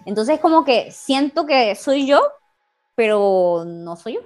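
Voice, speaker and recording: A woman's voice: fairly high pitch, big pitch swings, slow pace, darkish tone, faint music behind. A young woman in casual chat, playful and teasing as she takes turns in a question game.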